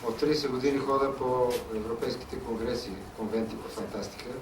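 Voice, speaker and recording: A man interpreting a panel discussion live, with quick phrasing and frequent fillers. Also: mid-range voice, steady tone. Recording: echoey hall, distant mic, background noise.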